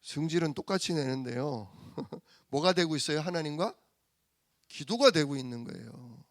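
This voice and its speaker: A man preaching a sermon as pastor, animated and full of rhetorical questions to the congregation. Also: a little high, moderate pace, no echo, clean studio sound. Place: church sanctuary.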